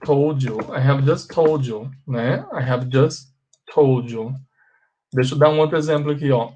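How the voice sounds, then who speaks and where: A man with a Brazilian accent, teaching a live class as an English teacher. He repeats examples slowly and puts questions to his students. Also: mid-range voice, warm tone, highs cut off. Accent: Brazilian Portuguese.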